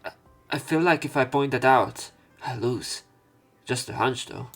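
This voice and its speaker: Over soft game music, a man does let's play commentary, reading the game's text aloud and adding informal, rambling, hesitant remarks. His voice is medium in pitch and his pace is measured.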